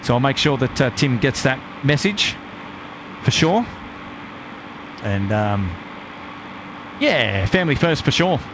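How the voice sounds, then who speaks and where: A male live stream host gives casual commentary in a mid-pitched voice. He rambles in a matey, hesitant way over clearly noisy outdoor audio. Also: animated, slow pace, long pauses.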